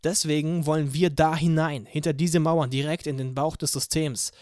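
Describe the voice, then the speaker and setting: A man reading an audiobook, voicing a young female singer who gives a loud, rousing protest speech from a rooftop. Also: a little high, steady tone, moderate pace, smooth, no room sound, clean studio sound, pitched above the performer's own voice, natural voice. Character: young woman, fiery protest band singer. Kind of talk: audiobook character voice.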